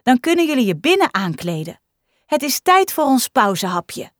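A woman voicing a patient female kindergarten teacher in a storybook reading, speaking gently and coaxingly. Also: sits high, very animated, normal speed, dry recording, studio quality, voice pushed up.

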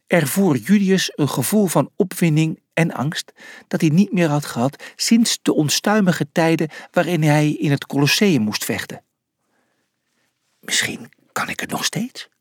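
Slow, husky man reading a storybook. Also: on the high side, no echo, studio quality. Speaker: narrator.

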